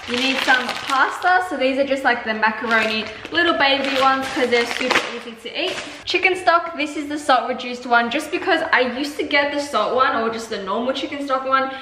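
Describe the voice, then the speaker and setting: A woman's voice: high-pitched, bright, forceful tone. Chatty upbeat woman vlogging at home. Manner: chatty, upbeat, many fillers. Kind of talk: casual vlog and home cooking talk. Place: home kitchen, indoors. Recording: echoey room with faint noise.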